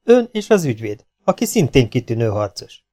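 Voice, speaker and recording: A man's voice: medium pitch, sing-song, mellow, faint music behind, close to an everyday voice. Cocky outlaw gunslinger, mocking, self-assured, voiced by a man reading a novel.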